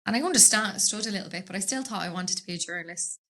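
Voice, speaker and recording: A woman from Dublin, Ireland, with a mid-range voice, a racing pace and a sharp tone, chats casually as a podcast guest in a studio. She's a business owner who rambles from story to story in this relaxed interview and laughs often.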